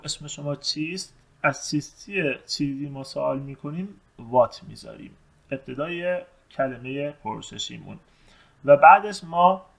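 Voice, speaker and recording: A man teaching English, reading test sentences slowly and then translating and explaining them. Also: fairly high pitch, a bit bright, rough recording.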